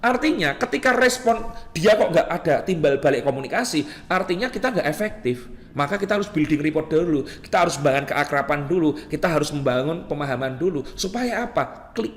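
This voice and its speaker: A man, a doctor, gives a lively instructional talk and acts out scenes with young patients. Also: on the high side, fairly quick, slight background noise. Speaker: doctor teaching a workshop. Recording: echoey hall reverb.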